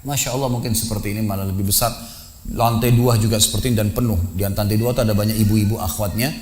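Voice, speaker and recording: A man preaching a sermon in a mosque, telling a story with lively animation and sudden loud, emphatic bursts. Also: fairly low pitch, fast talker. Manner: animated storytelling, acting out the people in his story. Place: mosque hall.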